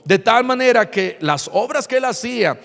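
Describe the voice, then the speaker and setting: A man, a pastor preaching an animated sermon in church who acts out dialogue. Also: extremely high pitch, moderate pace, gravelly, long reverb tail.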